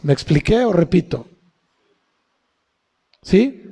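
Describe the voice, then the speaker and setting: A man with a Mexican accent preaching a sermon, often asking his congregation questions and reading scripture in a slow, drawn-out way. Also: high voice, expressive, mellow, slightly rough. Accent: Mexican Spanish. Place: church hall. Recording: long hall reverb.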